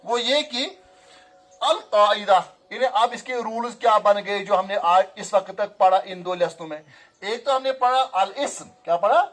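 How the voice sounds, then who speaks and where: A male teacher giving a classroom grammar lesson, slowly repeating phrases and quizzing his students. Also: sits high, fairly bright tone. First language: Kashmiri.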